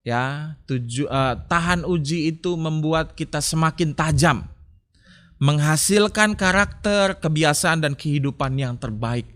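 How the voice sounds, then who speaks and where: A man's voice: on the high side, unhurried. A middle-aged man who is a pastor, preaching a sermon and telling personal stories to the congregation. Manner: storytelling, animated when telling anecdotes; addresses congregation as Bapak Ibu.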